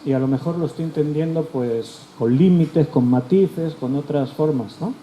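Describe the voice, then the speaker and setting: A man's voice: on the high side, normal speed, warm tone, slight background noise. A male pastor, teaching a Bible study. He explains patiently and often repeats or rephrases his key words. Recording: roomy echo with faint background ambience.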